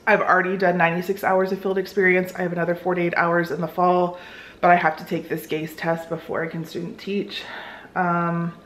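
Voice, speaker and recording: Cleaning her home kitchen, a vlogger in her thirties from the United States rambles casually with many ums and likes. Her voice is lowish and a bit bright, with a little hiss or hum in the audio. She records on a phone at arm's length, later switching to a far camera.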